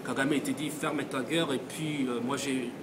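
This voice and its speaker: A man's voice: medium pitch, fairly even intonation, moderate pace. A man from Rwanda speaking as a protester, passionate, stammering as he repeats himself. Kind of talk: street interview. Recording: street noise behind.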